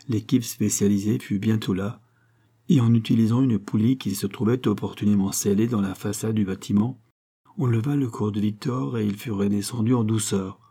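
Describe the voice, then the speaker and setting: Husky male audiobook narrator. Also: lowish voice, warm tone. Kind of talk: scripted narration.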